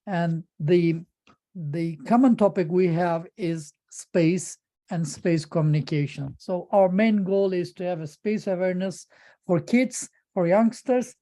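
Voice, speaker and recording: A middle-aged Turkish man gives an informal presentation in halting English, with a Turkish accent, often repeating words while searching for phrasing. His voice sits high and has a warm tone.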